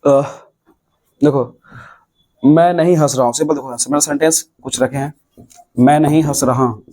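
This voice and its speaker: A man's voice: mid-range voice, steady tone, moderate pace, warm tone. A young man with a Bihari Hindi accent teaching a classroom grammar lesson, explaining step by step and answering his own questions.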